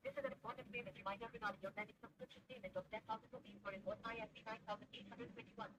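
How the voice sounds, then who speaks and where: A woman's voice: fairly high pitch, fairly even intonation, rapid-fire. A synthetic woman's voice making a polite scripted payment reminder call, heard over a phone on speakerphone. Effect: played over a phone on speakerphone. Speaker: automated payment reminder caller. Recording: phone speaker with noise, off-mic.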